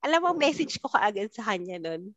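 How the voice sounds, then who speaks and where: A podcast co-host tells a personal story while chatting casually with friends, her medium-pitched voice very animated, brisk, and a bit bright. She's dramatic, acting out the messages she quotes.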